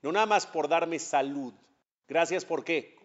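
A rabbi with a slightly high voice gives a religious class lecture at a measured pace, heard on a dull lo-fi class recording. He speaks conversationally and addresses his students directly, posing rhetorical questions and answering them himself.

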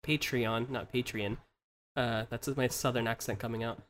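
A man's voice: mid-range voice, level tone, a little fast. A young man co-hosting a podcast in casual chat, laughing often and restarting his sentences. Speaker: podcast co-host. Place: living in Germany, from the US.

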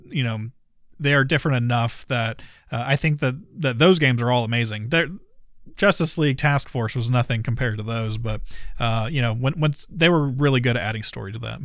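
Man, medium pitch, casual podcast talk, hedging and rambling, dry studio-like sound. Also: moderate pace, vocal fry, no echo. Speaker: podcast co-host. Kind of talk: casual pop culture chat.

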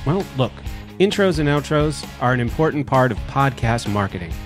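A man's voice: medium pitch, very animated, moderate pace, soft background music. A man hosting a casual podcast, with a congested nasal voice as if pinching his nose, talking in a wry, dryly joking way. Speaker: podcast host.

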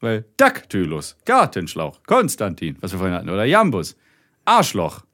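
Casual podcast co-host, male, animated delivery with lots of pitch movement. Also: normal speed. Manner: animated, laughing, imitating sounds. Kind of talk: casual chat.

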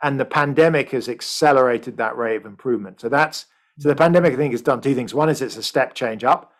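A man answering interview questions in a brisk, explanatory way on a video call. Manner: brisk, explanatory, lively pitch. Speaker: economist guest.

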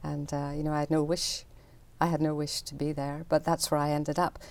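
Low, gravelly woman. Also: level tone, a little fast, darkish tone. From Northern Ireland. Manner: chatty, explanatory. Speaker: artist. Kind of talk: interview.

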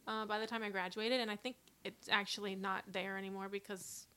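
A woman's voice: medium pitch, brisk, smooth. A woman from Northern California, a podcast guest, chatting casually and acting out the dialogue in her stories. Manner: animated storyteller who acts out quoted dialogue. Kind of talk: casual chat.

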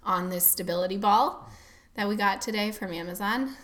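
A woman's voice: mid-range voice, normal speed, fairly bright tone. A young woman from the US Midwest co-hosting a casual podcast at home. She talks chattily and laughs often. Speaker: podcast co-host. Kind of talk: casual chat.

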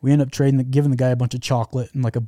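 A man's voice: mid-range voice, level tone, rapid-fire, mellow, no echo, clean studio sound. A man telling a travel story in casual chat, rambling with lots of fillers and restarts.

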